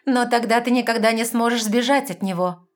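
Woman doing a smug sly fairy lady, mocking, a bit high and loud, storybook reading. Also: lightly acted. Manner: mocking, brisk, self-assured.

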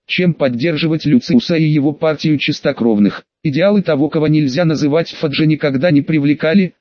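A man reading an audiobook in steady scripted narration. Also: fairly high pitch, no echo. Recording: dull lo-fi dry recording.

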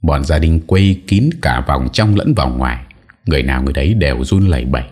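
Deep, husky male storyteller. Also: expressive, fast, darkish tone. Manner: dramatic storytelling. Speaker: narrator. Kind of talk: audio story narration.

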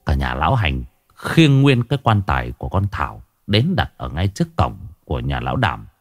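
Guy reading a spooky story, very expressive voice, soft music under it. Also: extremely low pitch, moderate pace, dry recording, studio quality. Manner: dramatic storytelling, acts out every voice. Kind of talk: scripted horror story narration. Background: faint music.

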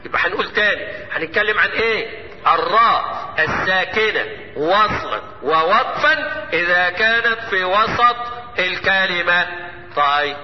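A man with an Egyptian Arabic accent teaching Quran recitation rules, quizzing his students and answering his own questions, and chanting verses slowly. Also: high voice. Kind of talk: lesson. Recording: echoey hall, muffled lo-fi, faint hiss.

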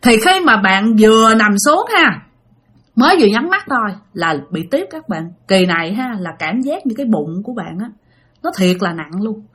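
A woman's voice: mid-range voice, normal speed, husky. A woman with a Southern Vietnamese accent telling a ghost story, talking straight to her listeners. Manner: animated, addresses listeners directly. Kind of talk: spoken ghost story narration.

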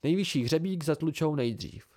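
A man's voice: a little high, animated, darkish tone, no room sound, clean studio sound, voice pushed up. A man reading an amateur audiobook, voicing a terse, serious young man from abroad. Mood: blunt.

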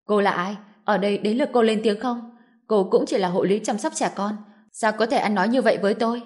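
Storybook villain: a cruel arrogant grandmother, sneering and shrill, read by a woman. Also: brisk, close to an everyday voice. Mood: haughty.

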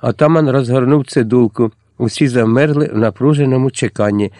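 A man narrating an audiobook in a measured, even reading. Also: medium pitch, no echo. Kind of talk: scripted narration.

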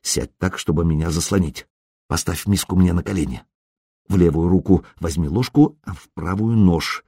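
A man's voice: low voice, expressive, measured pace, darkish tone, no echo, studio quality, full character voice. A man doing a hissing, whispering bounty hunter. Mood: urgent. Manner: hissing through barely moving lips.

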